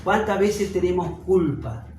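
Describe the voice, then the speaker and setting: A man from Argentina with an Argentine Spanish accent, preaching a Bible study sermon as pastor. He slows down and swells on key phrases. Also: sits high, animated, a little mellow. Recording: roomy, from a distance off mic.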